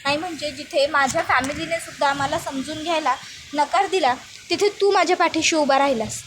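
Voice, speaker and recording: A woman's voice: sits high, a little fast, a bit bright, slight background noise. A woman voicing a distressed young married woman who pleads with her family through tears. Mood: tearful. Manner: pleading, tearful.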